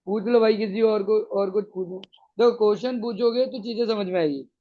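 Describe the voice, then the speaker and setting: A man's voice: sits high, normal speed. A male teacher explaining a science lesson to students, patiently checking that they follow. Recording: dull lo-fi sound.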